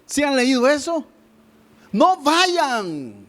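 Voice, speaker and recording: A pastor preaching a sermon, who keeps calling his listeners brother and swings between loud appeals and hushed words. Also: extremely high pitch, very animated, very slow.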